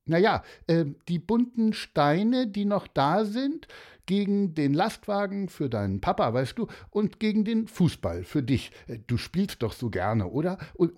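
A man's voice: a little high, warm tone, voice pushed up. A man voicing a kind-hearted young boy who talks eagerly and hesitates with fillers, in a storybook reading.

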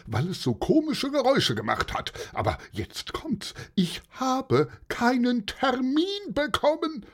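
A man voicing an angry middle-aged man who rants loudly in a children's audio story. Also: sits high, breathy edge, pitched above the performer's own voice, exaggerated voice. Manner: shouting, indignant rant. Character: furious ranting middle-aged man, grumbling.

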